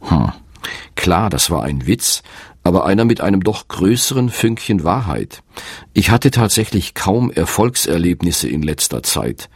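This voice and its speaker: A man's voice: low-pitched, very animated, unhurried, breathy edge, no room sound, clean studio sound. A middle-aged man, an author, narrating in a candid, reflective and self-deprecating way. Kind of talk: scripted narration.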